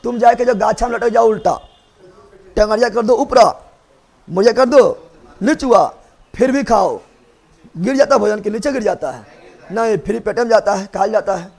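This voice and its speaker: A man's voice: high voice, moderate pace, creaky, long pauses, a little mellow. A man teaching a biology class, drilling students with repeated questions and playfully scolding them. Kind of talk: classroom lecture.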